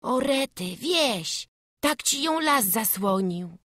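A woman's voice: medium pitch, expressive, unhurried, breathy edge, no room sound, studio quality, pitched above the performer's own voice. A woman reading an audiobook voices a small frightened peasant boy with a childish lisp. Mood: hopeful. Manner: childish lisping speech, anxious.

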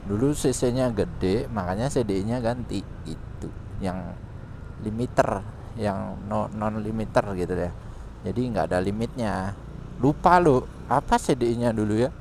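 A chatty motovlogger offers casual commentary while riding his scooter through city traffic, speaking in a fairly high voice, exclaiming often, and laughing between remarks. His helmet intercom mic picks up a steady roar of wind and traffic underneath.

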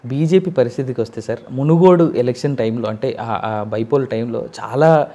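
A man's voice: mid-range voice, a little fast, warm tone, highs cut off. A man with a Telangana Telugu accent, interviewing a politician with polite but persistent questions. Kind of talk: news interview.

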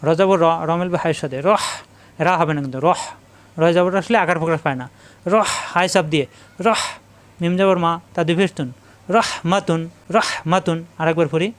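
A man with a Bangladeshi Bengali accent teaches Quran reading in a fairly high voice. He spells each word out syllable by syllable, repeating every sound slowly and steadily as a step-by-step drill. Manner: slow, repetitive syllable drilling.

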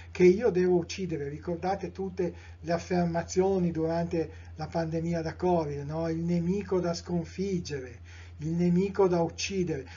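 A middle-aged man with an Italian accent giving a live lecture in a measured, discursive way, with fillers, self-corrections and rhetorical questions to his listeners. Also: high-pitched, warm tone, husky. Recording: dull lo-fi live lecture recording.

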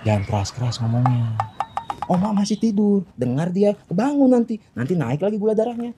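A woman's voice: fairly low pitch, sing-song, a little fast, music in the background. A woman playing a young husband with a Medan accent who keeps pleading and protesting against his jealous wife in a comedy sketch. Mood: exasperated. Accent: Medan Indonesian.

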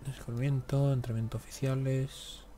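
A man's voice: mid-range voice, little pitch movement, normal speed, warm tone, slight background noise. Man grumbling through a strategy game. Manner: talks to himself, grumbles and curses at the game. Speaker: gaming YouTuber. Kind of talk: casual let's-play commentary.

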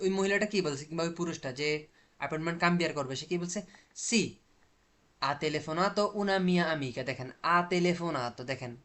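A man's voice: on the high side, a bit bright. A man whose first language is Bengali, teaching Italian by explaining a dialogue line by line, often asking and answering his own questions.

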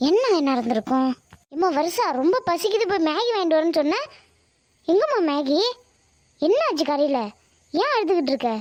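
A woman's voice: extremely high pitch, very animated, darkish tone, no echo. A woman voicing an impatient cartoon mother who nags and fires off questions. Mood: pressing. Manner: nagging, rapid questions. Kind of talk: cartoon voice acting.

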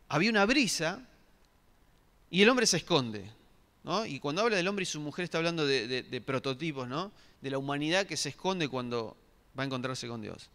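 A man's voice: on the high side, pushed and bright. Man preaching in a reverberant church hall. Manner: asks the congregation questions, many restarts. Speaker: pastor. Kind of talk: interactive sermon.

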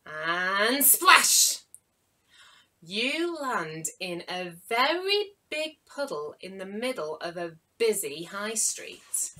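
Woman storyteller for young kids, slow, bright, very animated. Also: medium pitch. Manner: animated, with dramatic gasps and hushed asides. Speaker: children's author and storyteller.

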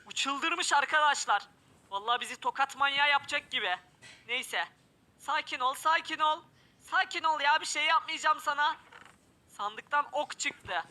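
Male gameplay commentator, very high, sharp tone, keeps yelping in alarm. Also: moderate pace. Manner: exclamatory, often crying out in alarm. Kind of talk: excited let's-play commentary.

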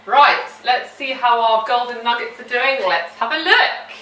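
A chatty, playful woman walks through a home-cooking demo, her voice bright and a little tense. It sits slightly high for a woman. The sound is roomy, as if the mic were some way off in the kitchen. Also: fairly even intonation, moderate pace, far from the mic. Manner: chatty, playful, talks to the food. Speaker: cooking presenter. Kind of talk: cooking demonstration.

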